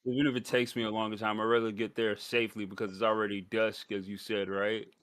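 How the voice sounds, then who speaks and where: Chill guy playing in a tabletop game, low voice, slangy. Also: level tone, a bit bright, smooth, no echo. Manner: laid-back, slangy, drawn-out. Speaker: player. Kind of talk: casual tabletop role-play.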